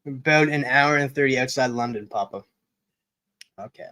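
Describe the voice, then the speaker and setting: A man hosting a casual hangout livestream in a chatty, easygoing way. He reads news items aloud between bits of talk with viewers. His voice sits at an ordinary, middle pitch. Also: normal speed, pushed and bright. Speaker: livestream host.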